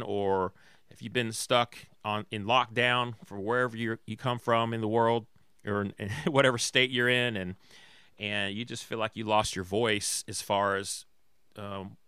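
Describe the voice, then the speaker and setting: Brief: male co-host from Atlanta, bright tone, dry close mic, loose rambling chat. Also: medium pitch, clear, resonant tone, no echo. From Atlanta, Georgia. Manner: relaxed, rambling, self-correcting. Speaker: podcast co-host. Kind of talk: casual chat.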